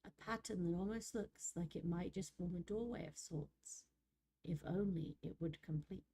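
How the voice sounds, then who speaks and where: Dreamy forest spirit narrator, slow and soft, mellow low voice, read by a woman. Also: husky. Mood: wistful. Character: dreamy, poetic nature spirit of a moonlit forest glade. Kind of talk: reading a fantasy story aloud on stream.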